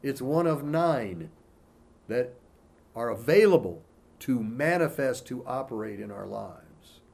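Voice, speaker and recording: A pastor teaches in a relaxed, conversational style, reading scripture aloud between casual asides and frequent "you know" fillers. His medium-pitched voice is slow and gravelly.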